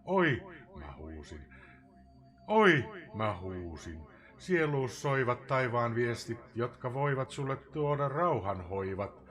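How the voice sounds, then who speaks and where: A man giving a dramatic poetry recitation, swinging between loud outbursts and hushed whispers. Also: mid-range voice, expressive. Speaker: live streamer reading a poem.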